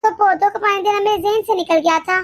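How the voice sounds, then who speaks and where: A woman voicing a timid, exhausted pregnant young daughter-in-law in an animated story, speaking meekly with stammers. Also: very high voice, fast. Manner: meek, hesitant, stammering.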